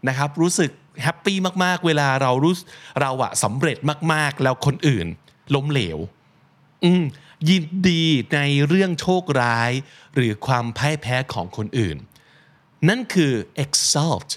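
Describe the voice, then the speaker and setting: A man's voice: medium pitch, animated, unhurried. A man hosting a casual vocabulary podcast, explaining words in a chatty way and spelling them out letter by letter. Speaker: podcast host.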